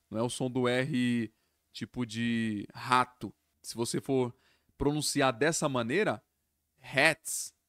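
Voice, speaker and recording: Male English teacher from Brazil, slow and patient, mid pitch, dry close mic. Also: no echo. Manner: slow, explains sounds step by step, repeats words. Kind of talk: pronunciation lesson.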